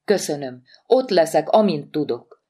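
A woman's voice: low-pitched, very animated, warm tone, slightly rough, exaggerated voice. A woman voicing a tense, anxious middle-aged woman who runs an institute, in an audiobook. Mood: worried.

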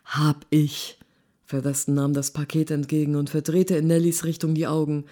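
Woman author reading her novel live on stage, lively, low warm voice. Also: fairly quick.

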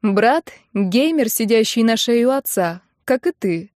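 A woman's voice: fairly high pitch, lively intonation, unhurried, darkish tone, dry recording, clean studio sound. A woman doing a sneering rich mother. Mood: mocking. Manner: mocking, sneering, commanding. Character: cold domineering wealthy middle-aged mother.

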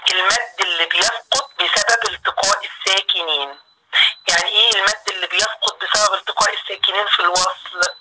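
A woman with an Egyptian accent teaching an online class over the phone, patient and encouraging, drawing out words slowly to demonstrate. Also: medium pitch, fairly even intonation, very noisy. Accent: Egyptian Arabic. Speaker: Quran recitation teacher.

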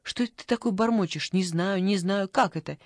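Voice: normal speed, no room sound, clean studio sound, close to an everyday voice. A reader voicing a fussy, clingy old grandmother in an audiobook, pleading and fussing in a raised voice. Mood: pleading, anxious. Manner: pleading, fussing, high-pitched outbursts.

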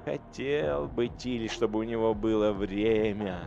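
A man giving dramatic audiobook narration of a dark war story, swelling his voice on the violent passages. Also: lowish voice, unhurried, creaky, dull audio, soft background music.

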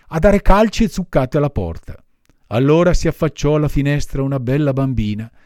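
A man's voice: medium pitch, mellow, dry recording, studio quality. A man reading a classic children's story aloud with dramatic, varied delivery. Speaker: audiobook reader. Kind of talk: expressive storybook narration.

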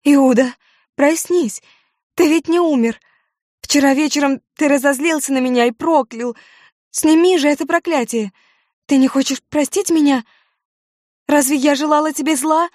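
A woman voicing a proud young beauty, delivered in shrill, impassioned bursts. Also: lively intonation, normal speed, dark tone, no echo, studio quality, close to an everyday voice. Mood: pleading.

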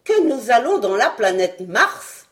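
A woman's voice: a little high, big pitch swings, unhurried. A woman reading an audiobook, voicing a stern, irritable old male scientist who scolds emphatically. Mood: firm.

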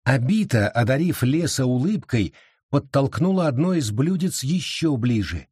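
A man narrating an audiobook in a steady, measured reading voice. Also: mid-range voice, breathy edge, dry recording, studio quality. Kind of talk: scripted narration.

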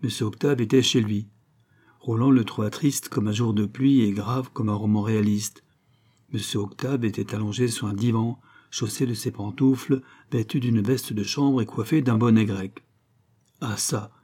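A man narrating a novel in measured audiobook style. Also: fairly low pitch, steady tone, mellow.

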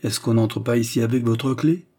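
A man reading an audiobook, voicing a cold, all-knowing count who speaks with measured irony and authority. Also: medium pitch, steady tone, warm tone, pitched above the performer's own voice, close to an everyday voice.

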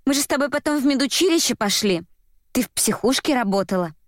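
A woman voicing a brash young woman who loudly and theatrically insists on a false friendship, in an audiobook. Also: high voice, lively intonation, fast, dry recording, studio quality, pitched above the performer's own voice. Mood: brash insistent. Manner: loud, mannered, capricious. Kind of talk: audiobook character voice.

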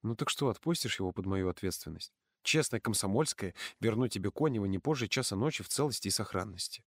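A man voicing a soft-spoken, apologetic young male camp counselor in an audiobook, quiet and conciliatory. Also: fairly low pitch, expressive, quick pace, dry recording, clean studio sound.

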